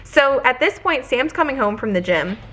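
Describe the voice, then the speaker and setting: A young adult woman vlogging casually, telling stories in a chatty, animated way full of "like". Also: high-pitched, moderate pace, a little hiss or hum. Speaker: lifestyle vlogger. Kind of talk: casual vlog chat and storytelling.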